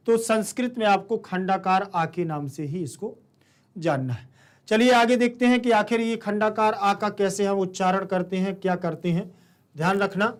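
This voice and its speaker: Man, teacher, high voice, lecturing, asks and answers his own questions. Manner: asks students questions then answers them; calls listeners "beta". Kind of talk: classroom lecture.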